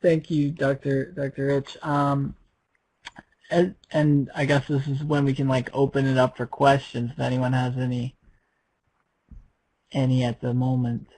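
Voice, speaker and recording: A man's voice: medium pitch, little pitch movement, unhurried, long pauses, a little mellow, breathy edge, poor audio. A man moderating a conference session, speaking politely and hesitantly.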